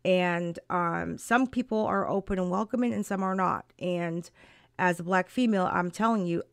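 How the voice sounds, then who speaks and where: A woman co-hosting a live-stream talk, chatting casually, animated and laughing often, with many restarts. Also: on the low side, normal speed, gravelly, clear, resonant tone, dry recording, studio quality.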